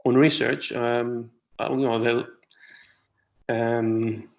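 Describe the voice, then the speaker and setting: Slow, hesitant man from Greece. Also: medium pitch, little pitch movement, creaky, rough recording. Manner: hesitant, many fillers and restarts. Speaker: astronomer. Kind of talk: interview answers.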